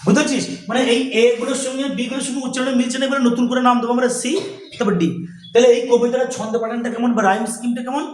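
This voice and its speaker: A man's voice: very high voice, level tone, racing, echoey room, distant mic, low-quality recording. A male teacher giving a classroom lesson with a Bengali accent, asking questions and then answering them himself. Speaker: English teacher. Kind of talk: classroom lesson explaining rhyme scheme.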